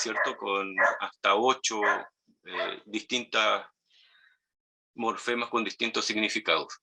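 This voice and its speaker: A man with a Chilean Spanish accent gives a language lesson in a gravelly, very bright, forceful voice. He speaks patiently, repeating himself and sounding out each word slowly so it can be copied. Dogs bark somewhere in the background. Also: lowish voice, rough recording. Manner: patient, repeats words, models pronunciation slowly. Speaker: Mapuche language teacher. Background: dogs barking nearby.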